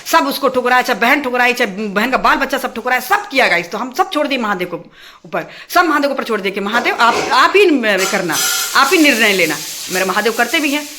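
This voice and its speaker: A woman vents to her viewers in a heated, rapid rant. She repeats herself and pushes each point. Her voice sits fairly high and rings bright and cutting. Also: lively intonation, a little hiss or hum. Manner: talks fast and heated when angry, repeats phrases. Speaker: vlogger addressing her viewers. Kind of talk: angry casual rant to camera.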